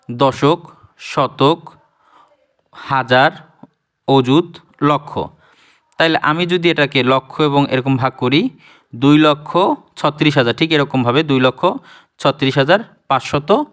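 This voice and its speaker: Slow, smooth-voiced Bangladeshi Bengali teacher. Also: male voice, a little high, a bit bright. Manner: slow, counting digits aloud, pausing to correct himself. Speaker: primary school math teacher. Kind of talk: online lesson explaining place value.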